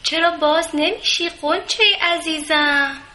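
A woman voicing a kind, motherly rose bush that gently coaxes and advises a timid bud. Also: high voice, lively intonation, voice pushed up. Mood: coaxing.

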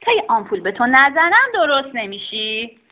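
A woman's voice: high-pitched, very animated. A woman doing a stern scolding lady doctor. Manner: scolding, firm. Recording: dull lo-fi recording.

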